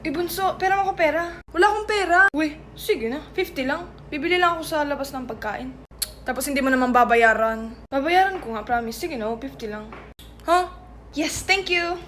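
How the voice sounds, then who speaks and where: A woman performing comic family sketches, bickering in quick back-and-forth exchanges. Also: sits high, expressive, fairly bright tone, slight background noise. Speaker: comedy skit creator.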